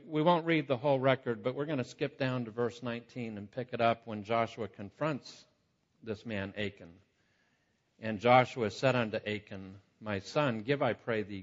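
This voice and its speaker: Man preaching in a cave-like echo. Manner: conversational and halting, with repeated false starts. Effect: booming cave-like echo on the voice. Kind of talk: Bible teaching sermon, reading scripture aloud. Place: large reverberant room. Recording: echoey hall, muffled lo-fi sound.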